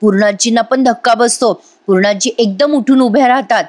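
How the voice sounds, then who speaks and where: A woman's voice: fairly high pitch, moderate pace, a little mellow. A young woman with a Marathi accent chattily retelling a TV serial episode, talking directly to viewers. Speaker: serial review narrator.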